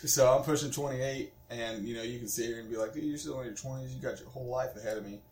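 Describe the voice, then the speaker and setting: Quick-paced and darkish in tone, this medium-pitched man keeps his intonation fairly even. In his twenties, he co-hosts a relaxed podcast in an echoey room, rambling through filler-packed talk and laughing often.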